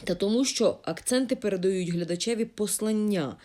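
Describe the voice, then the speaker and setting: A woman from Ukraine explaining design and art principles in a lesson, talking with fillers and quick self-corrections. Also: mid-range voice, dark tone. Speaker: art teacher.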